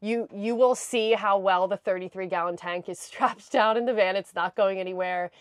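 A young American woman with a clear, resonant, medium-pitched voice speaks steadily at normal speed on a clip-on lapel mic. She gives a chatty, explanatory tour of a small camper van, with clean studio sound and no room noise.

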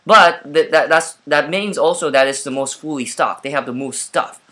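A man's voice: a little high, steady tone, moderate pace, pushed and bright. A man telling a casual vlog story at home, rambling with many fillers and restarts, recorded on his laptop webcam. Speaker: vlogger.

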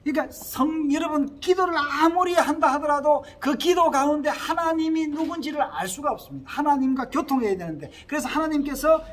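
A man's voice: very high voice, brisk, hardly any pauses. A man from the Gyeongsang region with a Gyeongsang accent, preaching a sermon as a pastor in his small church and often asking the congregation questions. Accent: Gyeongsang Korean. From Gyeongsang region, Korea. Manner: earnest preaching with frequent rhetorical questions to the congregation. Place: Korea-linked small church abroad.

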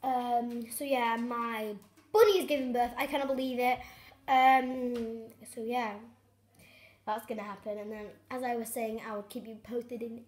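A woman vlogging at home, chatting excitedly to camera in a rambling way with many fillers. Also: a little high, unhurried. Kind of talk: casual chat to camera. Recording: echoey room with faint noise.

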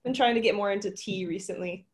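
A woman organizing a meeting over a video call, chatty and energetic, laughing often. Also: medium pitch, fast talker, breathy edge. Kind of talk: casual video-call chat.

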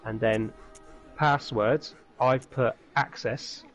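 A man, calmly guiding a friend through game settings step by step during a co-op stream. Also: medium pitch, slow, soft background music. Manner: patient, explaining step by step. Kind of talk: casual game chat over voice call.

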